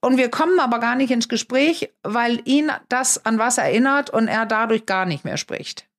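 A woman's voice: a little high, lively intonation, normal speed. A woman co-hosting a podcast, explaining relationships and the unconscious in an earnest, emphatic way with frequent fillers. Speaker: podcast co-host, relationship expert.

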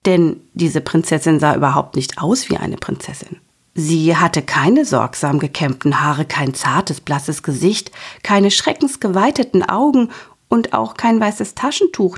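A woman reads a children's story aloud with lively, expressive storytelling. Her voice sits low and has a husky, breathy grain. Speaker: narrator. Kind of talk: children's audiobook narration.

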